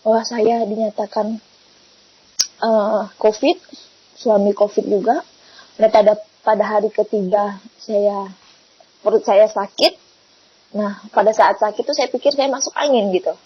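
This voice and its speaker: A woman giving a personal faith testimony, telling her story in an animated way and acting out the quoted voices. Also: mid-range voice, measured pace, long pauses, slightly rough. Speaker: testimony speaker. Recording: muffled lo-fi recording.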